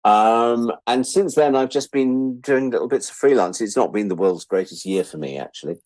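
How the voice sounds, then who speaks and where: An interview guest, a British freelance media producer of about sixty, speaks in a mid-range, slightly mellow voice at a moderate pace, recorded dry. His manner is casual and reflective, candid and wry, with repeated words for emphasis.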